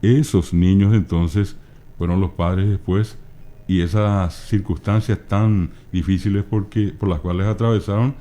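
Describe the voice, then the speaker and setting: A middle-aged man with a Paraguayan Spanish accent, patiently explaining language points as an interview guest and spelling out word forms slowly. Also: deep voice, steady tone, warm tone. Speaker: guest, Guaraní language scholar.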